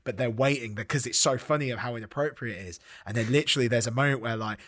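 A man's voice: mid-range voice, quick pace. A man co-hosting a comedy podcast, telling a rambling story in casual chat. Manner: animated storytelling, rambling, laughing. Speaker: podcast co-host.

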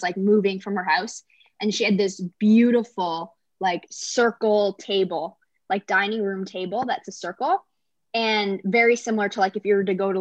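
A young Canadian woman with a medium-pitched voice chats casually in an interview, often dropping "like" as a filler. There's no room sound on the recording.

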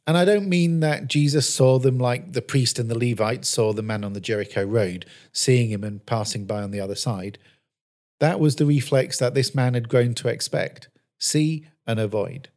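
A man preaching, telling a Bible-based story in a measured, earnest storytelling manner. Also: medium pitch, darkish tone. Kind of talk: scripted sermon narration.

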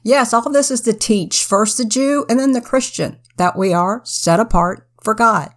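A woman's voice: on the high side, moderate pace. A woman co-hosting a Bible podcast, giving earnest, preacherly devotional commentary. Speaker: podcast co-host.

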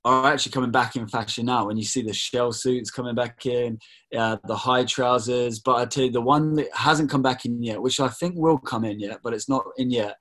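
British pastor in his thirties, relaxed and jokey, video call. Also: mid-range voice, poor audio. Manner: relaxed, jokey, keeps saying mate. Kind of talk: casual video call interview.

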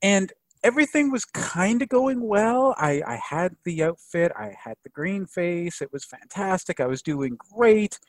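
Higher-voiced man telling jokey stories, dry sound. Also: measured pace, hardly any pauses, no echo. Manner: animated storyteller, jokey. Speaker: podcast guest, microbiology expert. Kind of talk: casual anecdotal chat.

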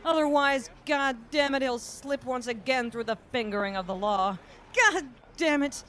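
A woman's voice: sits high, normal speed, fairly bright tone, a little hiss or hum. Woman playing a blustering Aussie police chief. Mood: melodramatic. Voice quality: melodramatic, swears "god damn it" often. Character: Zoe, bossy hardboiled female police chief. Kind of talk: improvised comedy radio drama.

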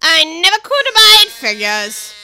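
A woman voicing a bad-tempered, bossy duchess in a storybook reading, in a loud hoarse growl that barks out its lines. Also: extremely high pitch, sing-song, unhurried, pitched above the performer's own voice, exaggerated voice. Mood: gruff bossy. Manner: barking, shouted lines. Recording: noisy with clicks.

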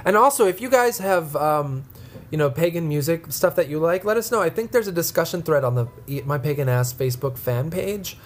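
A woman's voice: low-pitched, expressive, a little fast. A woman co-hosting a casual podcast, talking in a rambling way full of fillers and restarts, and sounding stuffed up. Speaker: podcast co-host.

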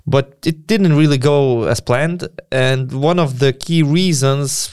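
A man's voice: medium pitch, slow pace, a little mellow, clean tone, dry recording, studio quality. A man co-hosting a basketball podcast, giving emphatic opinions in casual discussion and often repeating his point.

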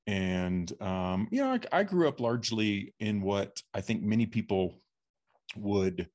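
A middle-aged man from Texas telling his life story as a podcast guest, halting with many fillers and restarts. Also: lowish voice, expressive, a little mellow. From Texas, USA. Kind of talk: casual interview storytelling.

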